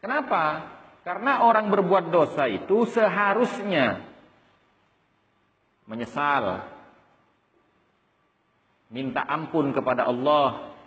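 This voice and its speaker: A man's voice: a little high, animated, slow pace, pauses often, a bit bright. Guy preaching casually, voice jumps around a lot, big echoey hall. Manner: conversational, addresses listeners as Pak. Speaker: Islamic preacher. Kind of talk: sermon. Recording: dull audio with long hall reverb.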